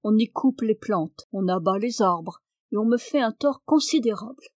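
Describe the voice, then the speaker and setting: A cruel, short-fused male lord from an old folk tale, loud and commanding, played by a woman reading aloud. His lines are raised in pitch and volume above the narration, in a dry, close recording. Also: animated, normal speed, no echo, natural voice. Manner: shouting and commanding. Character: cruel, quick-tempered male country lord.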